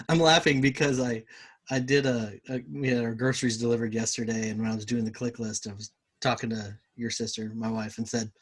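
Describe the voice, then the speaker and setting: A man who designs games, talking casually in an interview, relaxed and chatty, laughing easily. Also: on the low side, brisk, slightly rough. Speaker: game designer guest.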